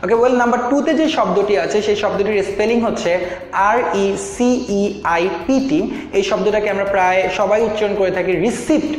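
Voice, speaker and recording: A man with a Bangladeshi accent teaching English pronunciation, repeating each word over and over and mixing English into his Bengali. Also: sits high. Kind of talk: spoken language lesson. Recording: echoey room with long reverb, faint music.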